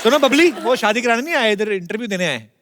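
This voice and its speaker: Fast-talking, wisecracking male comedy host. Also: very high voice, animated, a faint crowd. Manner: teasing, wisecracking. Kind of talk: quick comic banter. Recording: noisy stage with loud studio audience.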